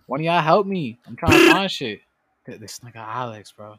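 Excitable teasing young man. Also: mid-range voice, moderate pace, very noisy. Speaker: podcast co-host. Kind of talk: casual chat.

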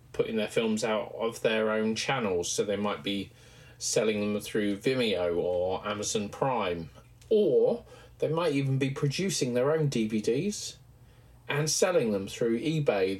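A man's voice: fairly low pitch, unhurried, husky. A man with an English West Country accent talking alone as a podcast host, explaining things to listeners. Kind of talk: solo podcast talk, explanatory.

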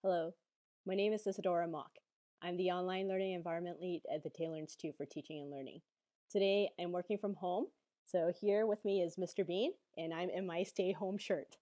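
A woman's voice: lowish voice, fairly even intonation, brisk, dark tone, no echo. A woman from Hong Kong working from home, talking in a casual podcast with plenty of "like" and "um" fillers. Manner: chatty, leans on "like" and "um" fillers. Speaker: online learning lead and co-host. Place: home office.

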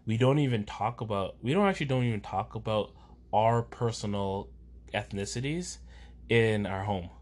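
A man with a somewhat low voice speaks in an earnest, reflective way. He talks casually, circling back and restarting sentences as he works through his thoughts. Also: normal speed, darkish tone. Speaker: podcast co-host, parent. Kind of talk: casual faith and parenting chat.

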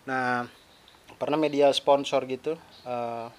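Taking it slowly in a steady, mid-range voice, a young adult stand-up comedian hosts his own podcast alone, chatty and self-deprecating. He's from East Nusa Tenggara, Indonesia, with a mixed eastern Indonesian accent, and a faint hiss runs beneath him.

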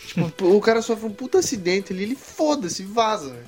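A man's voice: sits high, expressive, brisk, darkish tone, faint music behind. A man co-hosting a podcast, talking through a film in a rambling, slangy, profane way and laughing often. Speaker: podcast co-host. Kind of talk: casual film-review chat.

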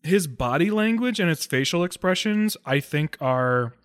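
A man's voice: fairly high pitch, animated, measured pace. A man co-hosting a recap podcast in a casual conversational style. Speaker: podcast co-host. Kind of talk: casual episode recap chat.

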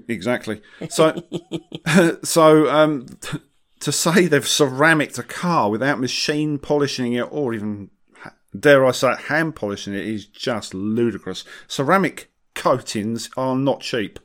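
A man's voice: mid-range voice, a little slow, fairly bright tone. A man chatting casually as a podcast host, wry and jokey, using British slang. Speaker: podcast host and car detailer.

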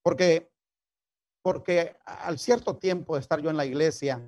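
A man's voice: on the high side, unhurried, a little mellow. An older man, preaching to young people and telling a personal story earnestly, often restarting his phrases and calling listeners brother and sister. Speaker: pastor. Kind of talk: sermon to youth.

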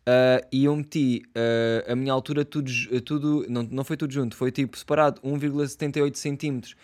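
A man's voice: medium pitch, steady tone, fast, darkish tone. A young man with a European Portuguese accent, ranting casually in slangy, swear-filled talk with lots of fillers. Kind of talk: casual rant.

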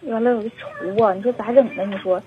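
A woman's voice: mid-range voice, steady tone, quick pace, a little hiss or hum. A young woman in her twenties with a Northeastern Mandarin accent, calling in over the phone and rambling through her story with many fillers. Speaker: caller. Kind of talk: phone-in confession. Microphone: telephone. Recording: tinny dry phone line.

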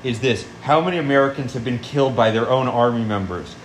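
A man's voice: mid-range voice, a little fast. Laid-back young man, echoey room. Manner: rambling, laid-back, full of fillers. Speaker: podcast co-host. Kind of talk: casual chat. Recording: echoey room with faint noise.

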